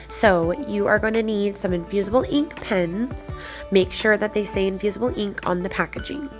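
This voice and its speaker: A woman with a medium-pitched, breathy voice that sounds congested with a cold. She narrates a craft tutorial casually, with chatty, encouraging asides. Music plays behind her voice. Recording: background music under the voice.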